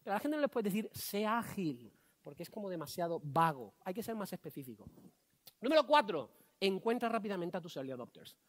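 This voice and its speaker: Fast-talking joking conference speaker. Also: male voice, high-pitched. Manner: joking, animated, quick asides. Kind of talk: conference talk.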